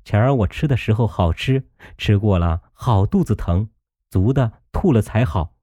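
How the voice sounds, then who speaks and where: A man reading a gentle, sharp-tongued young maid. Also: fairly low pitch, animated, normal speed, dry recording, dull audio. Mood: gentle, teasing. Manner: coaxing, teasing, reproachful.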